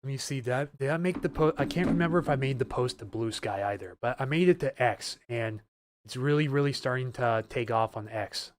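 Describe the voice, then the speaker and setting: A man's voice: mid-range voice, brisk, slight background noise. A man hosting a live weather stream, talking casually and urgently to viewers, nervous and earnest. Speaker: weather livestream host.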